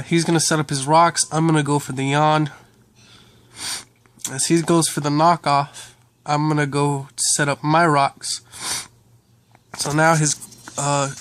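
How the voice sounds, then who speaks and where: A man's voice: a little high, a bit bright. Sick young man narrating his game. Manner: frequent "uh" and "um" fillers, throat clearing. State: sick, under the weather. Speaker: gaming YouTuber. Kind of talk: casual game commentary.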